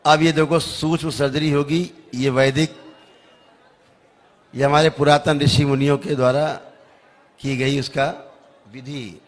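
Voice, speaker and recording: A man acting as a spiritual healer who leads a public healing session, chanting softly and making wry jokes. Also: medium pitch, little pitch movement, measured pace, pauses often, a faint crowd. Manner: soothing, chanting, wryly joking.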